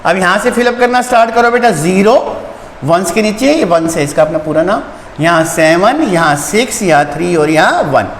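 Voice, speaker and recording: High-voiced man teaching in an echoey room. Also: expressive, moderate pace. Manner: patient, asks and answers his own questions, repeats terms, calls students "beta". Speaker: school teacher. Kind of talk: online math lesson for young children. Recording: echoey room with long reverb, faint background noise.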